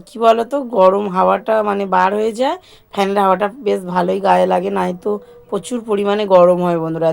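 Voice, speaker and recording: A woman's voice: mid-range voice, gravelly, rough recording. A woman, chatting to viewers as friends while doing chores and cooking at her rural home, filmed on a phone. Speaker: vlogger. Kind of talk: casual daily-life vlog narration. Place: rural home, kitchen and yard. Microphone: phone camera. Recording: loud household noise behind voice.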